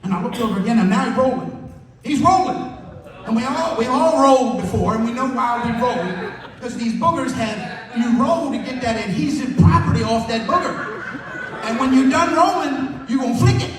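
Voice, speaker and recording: High-voiced man doing stand-up in a hall. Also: expressive, normal speed. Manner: profane storytelling, acting out dialogue. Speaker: stand-up comedian. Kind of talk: open mic stand-up. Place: comedy club stage. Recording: echoey hall, distant mic, crowd.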